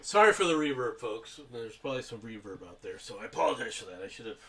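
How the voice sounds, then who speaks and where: A man's voice: mid-range voice, big pitch swings, fast, sharp tone. A man co-hosting a casual stream, laughing and teasing often, his voice carrying a reverb from an open room mic with no headset. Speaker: stream co-host reading news stories. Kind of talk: casual banter on a live stream. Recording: echoey room, distant from mic.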